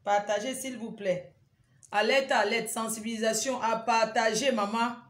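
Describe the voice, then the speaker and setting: A woman's voice: a little high, steady tone, moderate pace, roomy sound. A woman hosting a casual live stream from home on her phone, urgently repeating her pleas to viewers and teasing them with scolding banter. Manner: repetitive, urgent pleading with viewers. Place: at home indoors.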